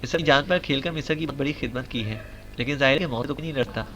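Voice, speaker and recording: A man's voice: mid-range voice, fairly bright tone, faint music behind, close to an everyday voice. A man voicing a middle-aged father, an official who talks in an amused, good-natured way. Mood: grave. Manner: amused, then grave and sorrowful.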